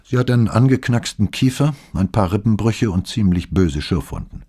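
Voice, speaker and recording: A man voicing a calm middle-aged police detective who speaks in a measured, dryly understated way in an audiobook. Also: lowish voice, husky, voice pushed up. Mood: sober.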